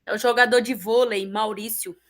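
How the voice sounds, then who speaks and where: A woman's voice: on the high side, steady tone, normal speed, a bit bright. A woman student on an online class call, friendly in how she speaks.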